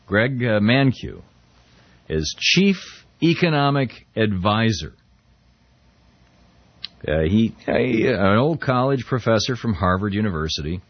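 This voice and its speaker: A middle-aged American man hosts a talk radio show, offering conversational political commentary full of restarts and quoted readings. His voice is fairly low and husky, recorded dry with no room sound and the highs cut off.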